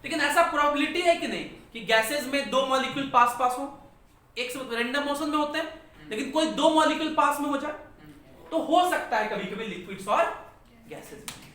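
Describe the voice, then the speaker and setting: Fairly quick and sharp, the very high voice belongs to a male physics teacher addressing his class with questions and repeated key terms. It's a distant recording in a spacious, echoing classroom, carrying faint noise.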